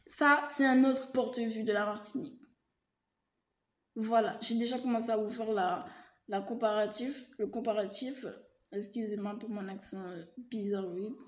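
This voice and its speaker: A woman's voice: medium pitch, fairly even intonation, moderate pace. A woman vlogger talking casually to camera, hesitant and chatty, with lots of fillers and restarts. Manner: informal, reassuring asides. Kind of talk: casual explanatory monologue. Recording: roomy echo.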